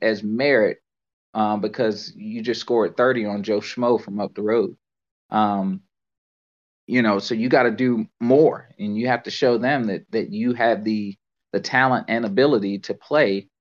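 A man co-hosting a casual sports podcast, explaining things earnestly with frequent halting restarts. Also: on the low side. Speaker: podcast co-host. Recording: muffled lo-fi podcast audio.

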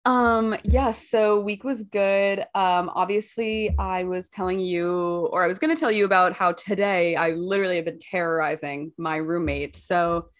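A woman's voice: on the low side, fairly even intonation, moderate pace, few pauses. Hungover young woman podcaster. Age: young adult. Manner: candid, self-mocking storyteller; casual, swears freely. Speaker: podcast co-host. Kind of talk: casual podcast chat.

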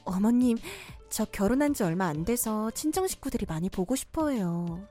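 A woman's voice: mid-range voice, expressive, moderate pace, dark tone, soft background music, lightly acted. A woman voicing a young married daughter-in-law who stays polite but firmly pushes back, in a cartoon story drama.

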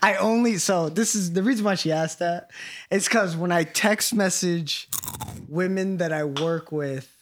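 A man's voice: high voice, unhurried, a little hiss or hum. Easygoing joking young man co-host. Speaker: podcast co-host. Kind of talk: casual chat.

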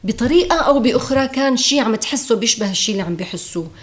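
A woman's voice: fairly high pitch, expressive, rapid-fire. A woman with a Levantine Arabic accent, a podcast guest in casual, reflective conversation. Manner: reflective, acts out quoted voices.

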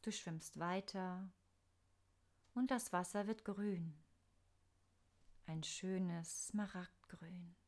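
A woman narrating a scripted guided meditation in a soft, soothing, unhurried manner with pauses. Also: lowish voice.

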